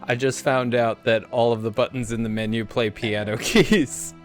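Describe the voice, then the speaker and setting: A man streams a horror game with prominent music behind him. His pitch is middling, and he moves between joking banter and playfully theatrical reading of on-screen text. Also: fairly even intonation, moderate pace. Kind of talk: horror game playthrough commentary with read-aloud game text.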